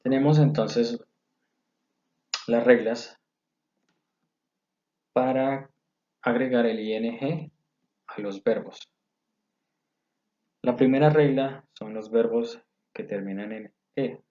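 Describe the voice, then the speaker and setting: A man giving a recorded English grammar lesson, explaining rules slowly and step by step. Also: medium pitch, warm tone. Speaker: English teacher. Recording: dull lo-fi audio.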